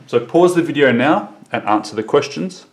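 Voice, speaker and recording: Male teacher, recorded kids' English lesson, unhurried, mid-pitched, drills model sentences. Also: expressive, a bit bright. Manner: slow and deliberate, repeating model sentences.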